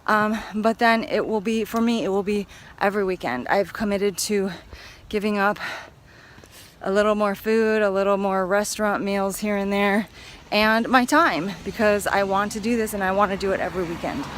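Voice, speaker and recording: A woman's voice: mid-range voice, steady tone, moderate pace, a little hiss or hum. Chatty woman vlogging on a walk. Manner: chatty, upbeat, rambling with fillers. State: slightly out of breath. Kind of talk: casual vlog chat. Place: outdoors on a walk.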